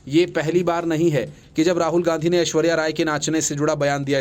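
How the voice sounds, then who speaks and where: A man reading scripted news reports as a voice-over, in a brisk and emphatic bulletin style. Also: fairly high pitch. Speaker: news reader.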